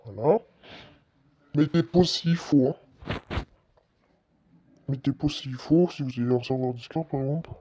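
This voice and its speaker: A man's voice: mid-range voice, a little slow, pauses often, mellow, a little hiss or hum. A man giving casual commentary over a screen recording, chatty and stammering a little as he goes. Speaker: channel host. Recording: dull lo-fi dry mic.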